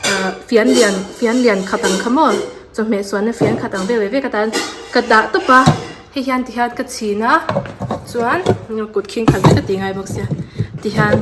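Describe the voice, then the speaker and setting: A woman's voice: on the high side, fairly even intonation, fairly quick, very noisy. A young adult woman vlogger, talking casually and chattily as she explains things to her viewers. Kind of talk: casual vlog chat.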